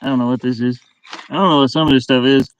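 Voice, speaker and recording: A steady-toned, mid-range male voice moves at a quick pace as a middle-aged livestream host rambles and mutters in broken phrases. He's chatting casually with viewers from inside a van. Recorded on a webcam, the audio is low quality with a little hiss or hum.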